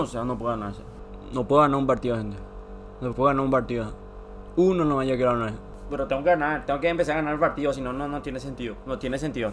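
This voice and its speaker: A young man, giving excited, emotional commentary over a football video game he is playing. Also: medium pitch. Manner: emotional, shouts and groans at every play. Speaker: gaming YouTuber.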